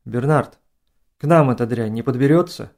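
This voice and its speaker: A man reading an audiobook who voices a composed, commanding princess in hushed, measured speech. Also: medium pitch, lightly acted.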